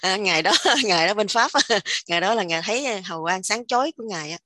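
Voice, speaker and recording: A woman's voice: medium pitch, expressive, quick pace, sharp tone, no echo. Chatty woman, dry sound. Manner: chatty, laughs often. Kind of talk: religious discussion.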